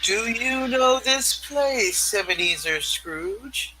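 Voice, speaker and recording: A performer voicing a solemn, commanding ghost in a play reading, speaking in a formal, measured way. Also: medium pitch, lively intonation, pushed and bright, faint music behind, low-quality recording. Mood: grave, probing. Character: solemn, commanding Ghost of Christmas Past spirit. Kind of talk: theatrical live play reading.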